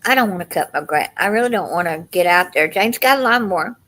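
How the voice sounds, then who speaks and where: A woman's voice: on the low side, expressive, fast talker, fairly bright tone. An older woman with a Southern US accent, chatting casually to livestream viewers in a folksy, meandering storytelling way. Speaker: livestream host.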